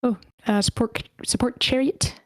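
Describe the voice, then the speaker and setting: Her voice is on the high side, steady in tone and normal in speed. She's hosting a script table read over an online voice meeting, moderating with casual, playful chat, and the sound is dry and close with no echo.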